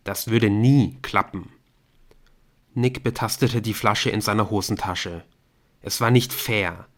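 Man, low voice, steady audiobook narration, measured. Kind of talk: scripted narration.

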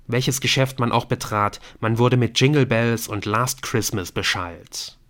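A man narrating an audiobook in a measured, even storytelling manner. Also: mid-range voice.

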